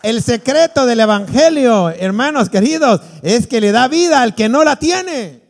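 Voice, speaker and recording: A man, a pastor, preaching a sermon, animated, acting out quotes from the people in his stories. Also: extremely high pitch, unhurried. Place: church hall. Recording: long church reverb.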